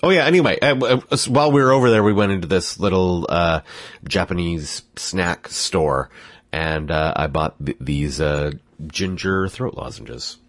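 The host of this podcast is a man with a cold, his voice sitting low and moving at a moderate pace, with no room sound. Rambling and casual, he keeps interrupting himself and laughing at himself.

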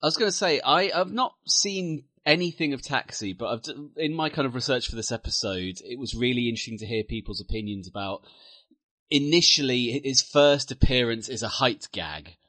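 Playful male co-host, bright voice, dry close-miked sound. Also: mid-range voice, expressive, a little fast, dry recording. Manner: playful, jokes and puts on silly voices. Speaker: podcast co-host. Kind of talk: casual film chat.

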